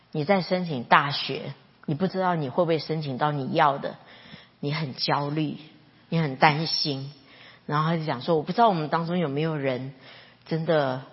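A woman preaching a sermon in an earnest, emotional way, moving from soft, quiet passages to excited, raised ones. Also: low-pitched, husky. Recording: reverberant hall, dull lo-fi sound.

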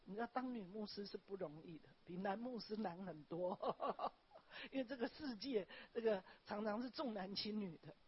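A woman pastor, preaching a sermon and telling personal stories in an animated way, often tagging her phrases with a small "ha". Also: medium pitch, normal speed, husky. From Taiwan. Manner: animated storytelling, frequent "ha" tags, wraps points with "okay, like this". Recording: dull lo-fi recording.

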